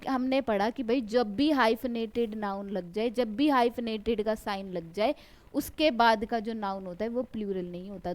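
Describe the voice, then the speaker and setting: A woman teaches English grammar in a fairly high voice. She asks a question and then answers it herself, drawing each example word out slowly. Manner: stretches out example words slowly. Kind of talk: classroom lecture.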